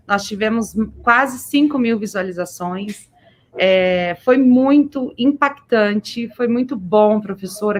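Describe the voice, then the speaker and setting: A Brazilian woman talks through a face mask in a medium-pitched voice. She hosts an informal livestream for teachers as an education official. Her delivery is effusive and emphatic, with words repeated for stress. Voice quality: slightly muffled, speaking through a face mask.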